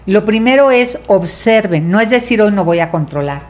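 A middle-aged woman with a Mexican accent explaining ideas in a podcast chat, animated and teacherly. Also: medium pitch, normal speed. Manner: animated, teacherly, acts out quotes. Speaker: guest teacher. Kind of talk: casual podcast talk.

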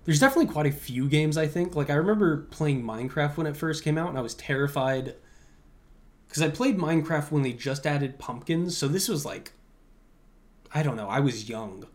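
A young man hosts a podcast, answering listener questions in a casual, rambling way and dropping "like" into nearly every sentence. His voice is on the high side and a little fast, and the talk stays informal and conversational.

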